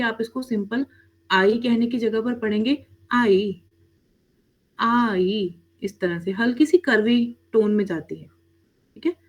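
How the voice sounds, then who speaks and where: Slightly high and a little mellow, this woman's voice belongs to an online Korean language teacher. She mixes English words into the lesson and keeps checking on her students. Her habits include calling them "beta" and asking "theek hai?" a lot.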